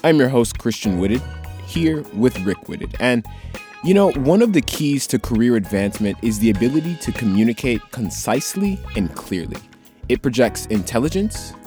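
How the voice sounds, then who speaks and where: A man's voice: medium pitch, big pitch swings, moderate pace, darkish tone, faint music behind. A man hosting a career advice podcast, opening the show and introducing his co-host.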